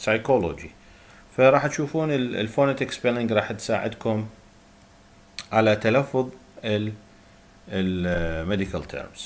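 Speaking with an Iraqi Arabic accent and fairly low pitch, a male lecturer slowly reads out English terms and explains them in a recorded university class, filling gaps with lots of hesitant sounds.

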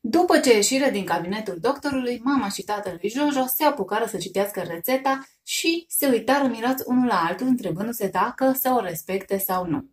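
A woman storyteller reading a children's story aloud, expressive and lively. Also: fairly high pitch, few pauses.

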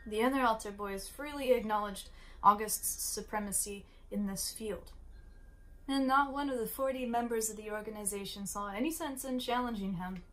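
A woman reads a novel aloud at a steady, unhurried pace. She stumbles on a word now and then and restarts it. She sometimes steps out of the text for a quick aside to the listener. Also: medium pitch, poor audio. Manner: occasional slips and restarts, brief asides. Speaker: reader.

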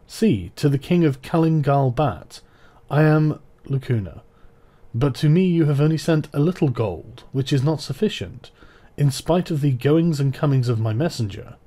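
Mellow-voiced man reciting formally. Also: mid-range voice. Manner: measured, formal delivery in short phrases. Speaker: reader of ancient texts. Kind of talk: scripted recitation of historical letters.

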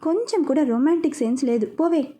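A woman's voice: sits high, expressive, a little fast, warm tone. Woman reading as a teasing young lover. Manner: playful, teasing. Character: teasing young man in love.

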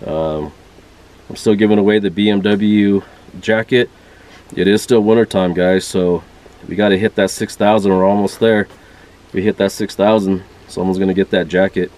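A man casually signing off his fishing vlog outdoors, chatty and relaxed, with loose sentences. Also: deep voice, normal speed, poor audio. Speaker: fishing vlogger. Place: outdoors by the water.

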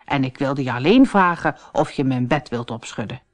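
A woman voicing a kindly old woman with a hoarse voice in a storybook tale, speaking gently and reassuringly. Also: rumbling low, expressive, normal speed, voice pushed down. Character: ugly old woman, kindly magical housekeeper. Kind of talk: storybook character voice.

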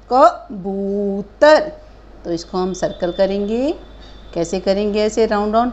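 A woman teaching a kindergarten Hindi lesson, stretching out each word slowly and asking gentle questions of young children. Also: mid-range voice, highs cut off. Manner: slow drawn-out syllables modelling words for children; patient questioning, addresses children as beta.

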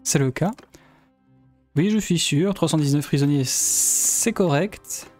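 A man's voice: a little high, takes it slowly, a little mellow, soft background music. Chatty Belgian gamer narrating his play. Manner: chatty, thinks aloud, trails off mid-sentence. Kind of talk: live gameplay commentary.

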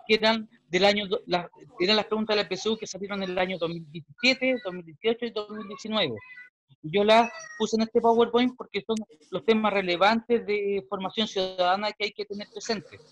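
A Chilean man in his forties, a history teacher, patiently wraps up an online class over a video call, often restarting his sentences. He speaks with a Chilean Spanish accent, and his voice sits high and a bit bright, with the highs cut off.

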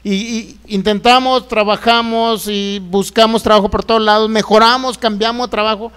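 A man's voice: high voice, steady tone, normal speed, a bit bright, clear, resonant tone. A man preaching a sermon as pastor, folksy, acting out complaints in a raised voice.

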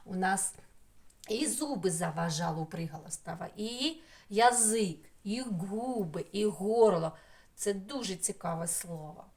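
A woman gives a remote lesson to preschoolers in an unhurried, drawn-out way. She sounds out syllables slowly and keeps asking the little ones gentle questions. Her voice sits at an ordinary middle pitch. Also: animated. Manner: slow, stretches syllables and sounds aloud; gently coaxing, asks the children questions. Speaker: children's teacher.

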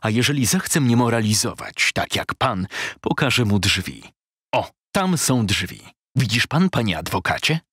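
A man's voice: medium pitch, very animated, measured pace, slightly rough, dry recording, studio quality, heavily acted. A man playing a cold, curt merchant. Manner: sharp, unpleasant, clipped. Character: stern middle-aged merchant, curt and cold.

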